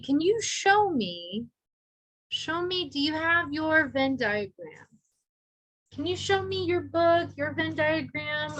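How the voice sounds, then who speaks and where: A woman teaches adult English learners in a high, bright voice, patient and encouraging, praising them often. She models words slowly and spells out every idea so they can keep up. The audio quality is poor.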